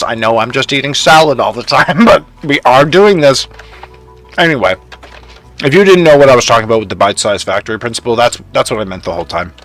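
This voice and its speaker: A man's voice: mid-range voice, a bit bright. A young man from Canada streaming a factory game, chatting casually with his viewers and laughing often. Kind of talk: casual live stream chat.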